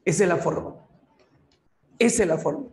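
A man's voice: high-pitched, moderate pace, a little mellow. A man with a Peruvian accent teaching an online class, working through a logic puzzle step by step and repeating his cues to coax students along. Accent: Peruvian Spanish. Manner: repetitive, coaxing, keeps saying "mira" and "sigue". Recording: echoey room.

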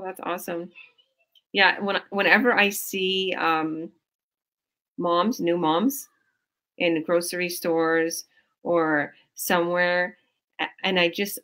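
On a team video call from a small room at home, a woman coach gives a casual motivational chat, rambling effusively and restarting often. Her voice is lowish and a bit bright, picked up by her webcam.

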